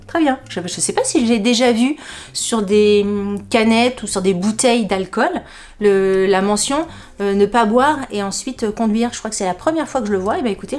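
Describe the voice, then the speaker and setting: A woman vlogger talks her viewers through a food box in a loose, rambling way. She laughs often and her voice leaps upward whenever something catches her eye. Her pitch sits in a middle range at an ordinary pace. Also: a little mellow. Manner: chatty and rambling, laughing often, voice jumping up in surprise. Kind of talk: casual unboxing chat to camera.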